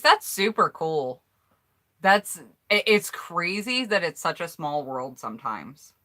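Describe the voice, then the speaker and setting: An American YouTuber hosting a collab tag chats casually on a home mic, reading out viewers' answers in an upbeat, rambling way. Her voice is fairly low-pitched, pushed and bright.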